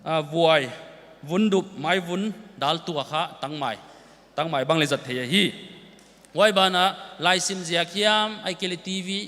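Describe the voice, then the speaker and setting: A man's voice: a little high, moderate pace, fairly bright tone. A man giving an informational talk at a festival, explaining and listing nutrients and health terms. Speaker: festival speaker. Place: large hall. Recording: long hall reverb.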